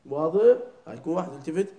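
A man teaches a lesson on prayer recitation, drilling pronunciation slowly and checking that his students understand. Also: a little high, animated, warm tone, a little hiss or hum. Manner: keeps checking understanding with short questions. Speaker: religious teacher. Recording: echoey room.

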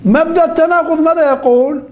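Man, very high-pitched voice, teacher, quizzing students, praises and corrects, slow deliberate repetition. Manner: repeats key phrases slowly and deliberately. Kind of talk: interactive class, quizzing students.

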